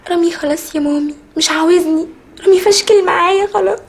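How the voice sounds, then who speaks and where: Brief: a tearful young Egyptian daughter, very high-pitched and rushed. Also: female voice, gravelly. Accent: Egyptian Arabic. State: crying.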